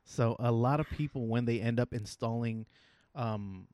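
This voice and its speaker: A man in a relaxed podcast chat, walking his friends through an explanation step by step. His voice sits at an ordinary middle pitch, and he often pauses on "um" and "uh" to restart a thought. The recording is dry and close, with no room sound. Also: clean tone, dry recording. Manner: explanatory, with frequent ums and restarts. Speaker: podcast co-host explaining electric cars.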